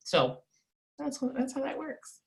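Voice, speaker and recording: A woman's voice: high voice, big pitch swings, unhurried, creaky. A woman in her thirties, an etiquette teacher as an interview guest, explaining her methods in an instructive way and acting out example sentences with shifting emphasis. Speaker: charm academy owner and etiquette teacher.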